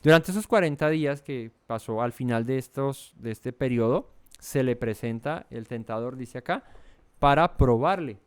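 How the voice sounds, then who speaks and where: A man's voice: medium pitch, normal speed, clear, resonant tone. A man with a Bogotá Colombian accent teaching a verse-by-verse Bible study in a conversational way, often asking "right?" and restarting his sentences. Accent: Bogotá Colombian Spanish. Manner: conversational, asks "¿cierto?" and "¿no?" often, with many restarts.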